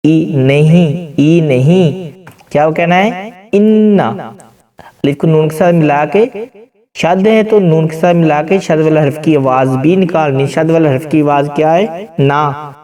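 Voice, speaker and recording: A man's voice: a little high, dark tone. Male Quran teacher drilling syllables. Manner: slow syllable-by-syllable drilling, breaks into chanted recitation. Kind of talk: spelling-out recitation lesson. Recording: distant from the mic.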